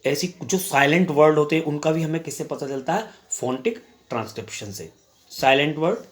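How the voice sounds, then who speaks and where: A man teaching a class in Hindi, reading English examples slowly and answering his own questions as he explains. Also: on the high side, expressive. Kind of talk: classroom lecture.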